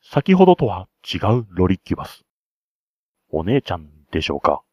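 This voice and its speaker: A man's voice: low-pitched, wildly swooping pitch, moderate pace, breathy edge, no room sound, studio quality. A man acting as game master, narrating a tabletop role-play scenario with chatty, enthusiastic side remarks.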